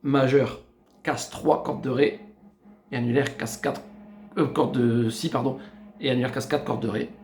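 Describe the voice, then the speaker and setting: A man with a mid-range voice and fairly even intonation walks through guitar chords slowly, step by step, counting the beat and singing bits while he plays. The tutorial is recorded in an echoey room where the guitar is loud.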